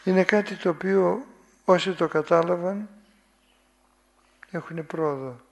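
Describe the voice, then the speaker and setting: A man preaches, his voice a touch high and gravelly. He reads a spiritual text aloud and comments on it at an unhurried pace. He often turns to his listeners with rhetorical questions.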